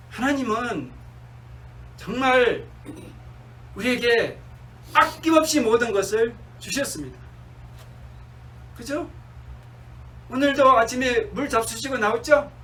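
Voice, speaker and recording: A male pastor preaching a sermon, asking his congregation questions and answering them himself, sometimes slowing down and dropping to a soft murmur. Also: very high-pitched, recorded from a distance, low-quality recording. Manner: slows down and drops to a near-murmur on key words.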